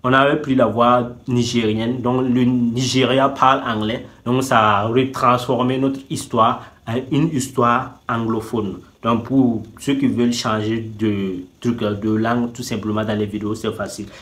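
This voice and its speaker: A man's voice: mid-range voice, little pitch movement, measured pace, hardly any pauses, fairly bright tone. Chatty man walking viewers through a website. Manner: repeats "tout simplement" constantly; talks straight to viewers, teasing them to subscribe. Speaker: YouTube tutorial host. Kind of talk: casual screen-recording tutorial.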